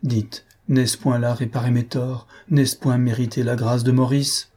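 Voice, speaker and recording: Anguished aging nobleman, begging father, read by a man, husky tone. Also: mid-range voice, little pitch movement, a little slow, warm tone. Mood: pleading. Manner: pleading, anguished. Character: aging male nobleman, desperate pleading father.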